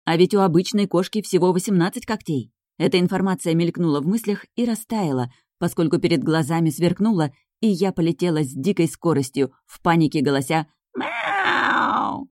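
Low-voiced woman reading an audiobook. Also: dark tone, no echo, studio quality. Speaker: audiobook narrator. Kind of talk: first-person audiobook narration.

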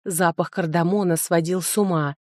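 A woman narrating a first-person audiobook in an even, measured way. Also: on the low side, no room sound, studio quality.

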